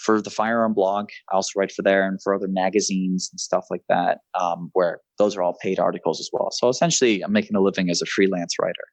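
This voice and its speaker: A military veteran and freelance writer in his thirties, who grew up in Southeast Asia, answers interview questions in a measured, thoughtful way. His voice is low-pitched with fairly even intonation and no room sound, and he uses many fillers and restarts.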